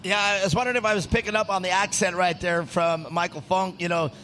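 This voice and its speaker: A man's voice: high-pitched, fairly even intonation, fast talker, pushed and bright, a little hiss or hum. A man giving color commentary on an off-road race, chatty and telling anecdotes.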